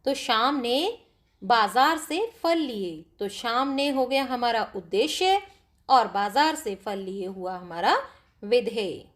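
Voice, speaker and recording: A woman's voice: fairly high pitch, expressive, slow. A woman teacher explaining grammar to pupils step by step, often asking them questions. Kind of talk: classroom grammar lesson.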